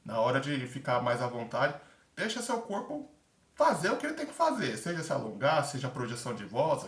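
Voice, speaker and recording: A former theater-course candidate shares tips in a casual advice vlog, his voice medium in pitch. He's chatty, uses lots of fillers and acts out examples. The room echoes and the mic sits at a distance.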